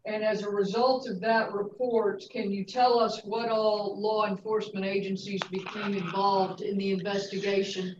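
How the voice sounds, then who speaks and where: A woman's voice: medium pitch, flat delivery, darkish tone, slight background noise. Woman prosecutor in a courtroom recording. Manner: brisk, formal questioning. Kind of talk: courtroom witness questioning. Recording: roomy, distant, dull courtroom recording.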